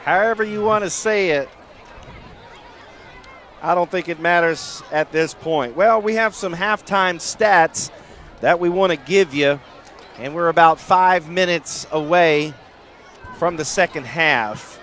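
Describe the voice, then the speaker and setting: A male announcer giving halftime stats in a relaxed, unhurried way. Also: a little high, a little hiss or hum. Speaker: play-by-play announcer. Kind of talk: broadcast commentary.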